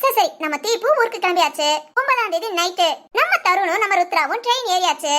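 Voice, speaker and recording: A woman tells a short story in a chatty style and keeps turning to speak straight to her listeners. Her voice is very high and bright, and she talks fast. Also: animated. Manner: chatty, addresses listeners directly. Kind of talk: spoken short story narration.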